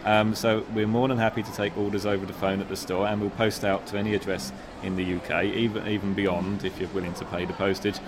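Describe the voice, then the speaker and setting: A bookshop manager speaks fast with hardly any pauses, his fairly low voice staying flat. He's polite but slightly hesitant, with fillers, in a casual interview recorded amid the noise of a busy shopping centre shop.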